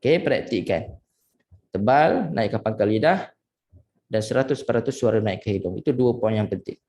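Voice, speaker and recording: A man with a Malaysian Malay accent teaching tajwid, correcting pronunciation and slowly drawing out and repeating Arabic syllables. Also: lowish voice, lively intonation, darkish tone. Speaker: Quran recitation teacher.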